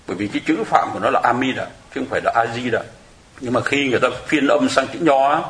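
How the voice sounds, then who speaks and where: Fast-talking male teacher. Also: medium pitch, a bit bright. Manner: chatty, explanatory, with small laughs. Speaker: Buddhist dharma teacher. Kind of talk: sutra lecture to a congregation. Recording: echoey room.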